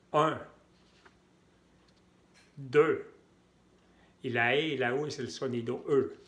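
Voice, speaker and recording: A man teaching a language lesson, speaking deliberately and repeating each word to model its pronunciation. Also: medium pitch, slight background noise. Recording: echoey room.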